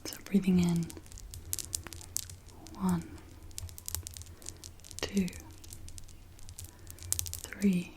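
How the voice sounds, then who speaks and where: A woman gives a gentle, reassuring whispered pep talk as guided ASMR relaxation, in a soft breathy whisper with pauses. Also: lowish voice, level tone, a little hiss or hum. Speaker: ASMR host guiding relaxation.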